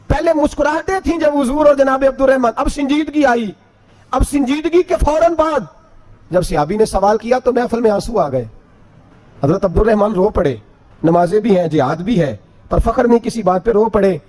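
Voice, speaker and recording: A man's voice: very high voice, lively intonation, a little mellow. A man preaching an impassioned sermon. He tells religious stories with a rising and falling delivery and breaks into sung verse. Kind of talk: Urdu sermon storytelling.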